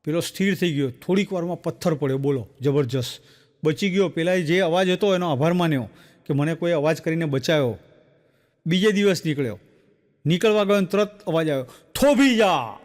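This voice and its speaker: High-voiced Gujarati stand-up comedian. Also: male voice, fairly quick, long reverb tail. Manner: animated, acts out voices in jokes. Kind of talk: stand-up joke telling.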